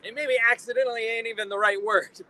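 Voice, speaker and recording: A man giving an impassioned protest speech like a preacher, emphatic and deliberate, repeating phrases for effect. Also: very high voice, fairly even intonation, bright, forceful tone. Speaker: preacher, rally speaker. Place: outdoors at a rally in town. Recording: noisy outdoor urban recording, faint traffic.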